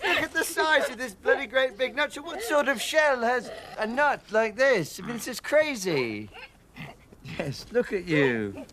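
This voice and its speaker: A cheeky goofy sixties British spy. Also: male voice, very high voice, very animated, a little slow, crowd noise, heavily acted. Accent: English. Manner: playful, jokey, flirtatious. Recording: film soundtrack with clear music behind.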